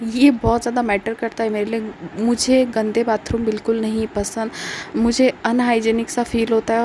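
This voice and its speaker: A woman's voice: fairly high pitch, warm tone, a little hiss or hum, poor audio. A young woman chatting through a family travel vlog, sprinkling English words into her talk. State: feeling feverish, speaking softly. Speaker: vlogger. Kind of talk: casual travel vlog chat.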